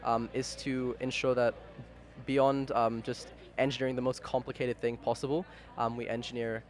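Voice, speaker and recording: A man's voice: mid-range voice, little pitch movement, normal speed. Young man, thoughtful and hesitant. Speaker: student rocketry team member. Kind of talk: casual interview. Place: outdoors at a launch site.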